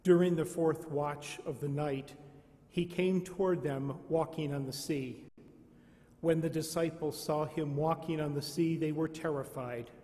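A man, a priest, reading the Gospel at Mass in a slow, measured way, with a cathedral echo around his voice. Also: on the high side, fairly even intonation, dark tone. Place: large church. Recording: long cathedral reverb.

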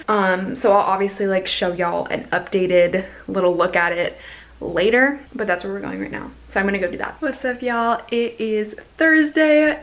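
Bubbly sorority girl vlogging, young american woman, gushy and chatty, says like a lot, bit of room noise. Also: medium pitch. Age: young adult. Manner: bubbly sorority girl, gushing, heavy use of "like". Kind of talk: casual chatty vlog to viewers.

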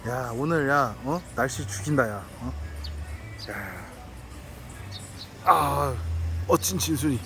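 A man's voice: mid-range voice, animated, takes it slowly, pauses often, a bit bright, soft background music. A man vlogging outdoors, chatting playfully with dogs and their owner in a coaxing, friendly way and laughing often. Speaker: delivery driver vlogger. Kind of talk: casual talk to dogs and owner.

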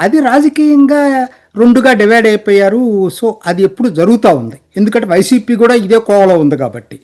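Male political commentator, high and lively voice, emphatic and indignant, polite address to viewers. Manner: emphatic, indignant, rhetorical questions.

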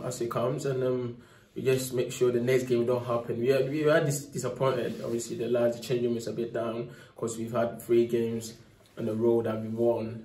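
After a match, a young footballer with a mid-range voice answers softly in a post-match interview, packing his replies with fillers and leaning on "obviously." The reporter holds a phone close to him in an echoey indoor press room in front of a sponsor board.

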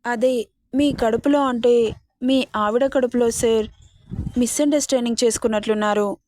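A woman's voice: on the high side, fairly even intonation, normal speed, darkish tone, no room sound, natural voice. A woman voicing a bold, cheeky young woman who teases and fakes tearful pleading. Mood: mock pleading. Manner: teasing and sassy, mock-tearful pleading.

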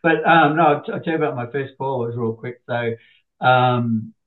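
A man's voice: medium pitch, normal speed. Middle-aged man, interview guest, chatty, self-deprecating storyteller, tinny phone-like line. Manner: chatty, self-deprecating, animated quoting of others. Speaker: interview guest, business owner. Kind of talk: casual anecdotal storytelling.

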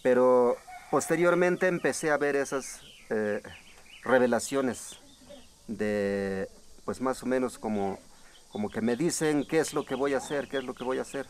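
Mexican man, 60s, farmer-healer, plain and steady, mid-pitched. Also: measured pace, a little hiss or hum. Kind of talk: interview answers.

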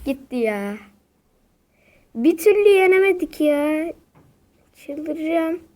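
A woman's voice: high-pitched, animated, slow pace, a little mellow. A young woman giving casual, dramatic commentary while playing a video game, often exasperated and repeating her exclamations. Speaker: gaming video creator.

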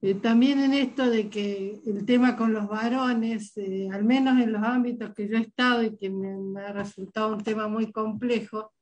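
A woman's voice: a little high, steady tone, normal speed, few pauses, a little mellow, dull audio. An older woman with a bad cold giving an informal comment on a video call, hesitantly thinking aloud. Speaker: webinar participant. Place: indoor room at home on a video call.

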